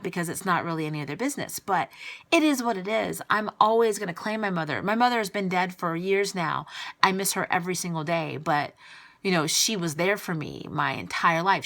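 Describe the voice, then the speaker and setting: This is a rebuttal vlog in which a woman from the United States faces the camera and responds bluntly, emphatically and with exasperation to people criticizing her. Her voice sits on the low side and sounds a bit bright.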